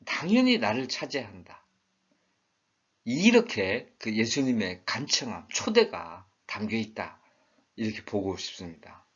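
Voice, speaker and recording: This Bible teacher has a lowish voice with a breathy edge, big swings in pitch, and a measured pace. Lecturing conversationally, he asks rhetorical questions and acts out quotations in regional dialects, captured on a dull lo-fi recording.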